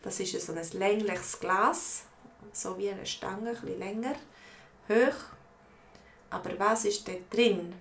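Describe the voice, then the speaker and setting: A woman with a Swiss accent, teaching a live online language lesson, explaining words slowly and answering viewers' comments. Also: medium pitch, echoey room. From Switzerland. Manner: slow, explanatory, repeats words for learners.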